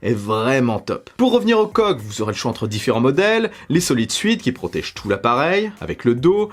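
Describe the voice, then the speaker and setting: A man's voice: mid-range voice, sing-song, fairly quick. A man hosting a tech unboxing vlog, talking in a playful way with jokey asides. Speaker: tech YouTuber.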